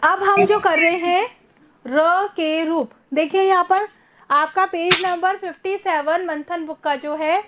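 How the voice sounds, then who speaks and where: A woman teaching a first-grade class online, patiently repeating words slowly for young children. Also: very high-pitched, steady tone, fairly bright tone. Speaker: primary school teacher.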